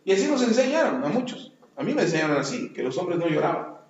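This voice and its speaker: A man preaching a sermon as a pastor, swinging from loud emphasis down to soft, low lines. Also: sing-song, quick pace, a little hiss or hum. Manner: emphatic preaching, rising loud on key words then dropping low and soft. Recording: echoey, dull lo-fi sound.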